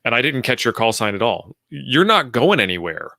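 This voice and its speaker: A man's voice: mid-range voice, sing-song, moderate pace, creaky, bright, forceful tone, dry recording, clean studio sound. A man co-hosting a ham radio livestream, explaining things casually and acting out on-air exchanges.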